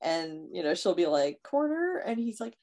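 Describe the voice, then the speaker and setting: A woman in her thirties co-hosting a casual podcast chat, chatty and quick to laugh as she tells stories. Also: low-pitched. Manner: chatty, laughs often, animated storytelling. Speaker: podcast co-host.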